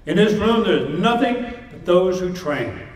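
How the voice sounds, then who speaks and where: A man's voice: high voice, very animated, unhurried. A man giving a rousing motivational pep speech to fighters, emphatic and built on repeated short phrases. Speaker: motivational speaker addressing fighters. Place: large indoor hall before an audience. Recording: echoey hall, distant mic, crowd present.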